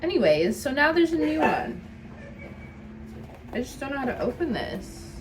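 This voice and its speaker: A woman vlogger chats through funny stories, her pitch leaping up and down as she goes. She laughs often and acts out what others said. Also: very animated, moderate pace, background noise. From England. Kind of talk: casual storytelling chat.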